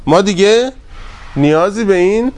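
A fairly high-voiced man teaching a grammar class, repeating word forms slowly and prompting his students to finish his sentences. He stays polite and patient as he goes through each step. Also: animated, a little mellow. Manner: drawn-out repetition of word forms, quizzing students; polite and deferential to the class leader.

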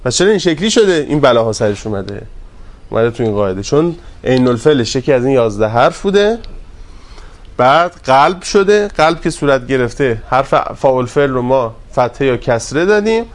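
A man teaching a grammar class, drawing out word forms slowly and asking his students questions. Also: medium pitch, big pitch swings. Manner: drawn-out repetition of word forms, quizzing students; polite and deferential to the class leader.

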